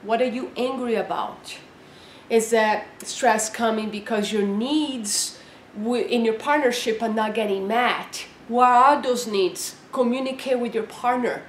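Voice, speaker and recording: A woman's voice: a little high, measured pace, echoey room, a little hiss or hum. A woman life coach giving earnest, encouraging advice, asking her listeners one question after another. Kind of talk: coaching talk to camera.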